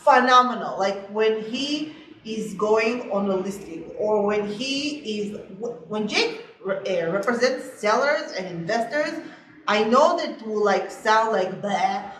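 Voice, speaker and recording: A woman realtor chatting casually and animatedly to the camera, full of "like" fillers, on low-quality sound because the mic died. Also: lively intonation, unhurried, fairly bright tone. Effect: low-quality sound after the mic died. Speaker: realtor, co-host of a couple's channel. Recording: distant, echoey room sound.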